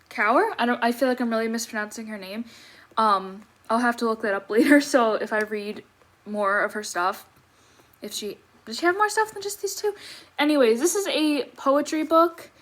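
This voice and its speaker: Young female book vlogger, higher-pitched, chatty and self-interrupting, mouth a little clumsy post wisdom teeth. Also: moderate pace. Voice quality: slightly impeded articulation after wisdom teeth removal. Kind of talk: casual chat to viewers. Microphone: tablet microphone.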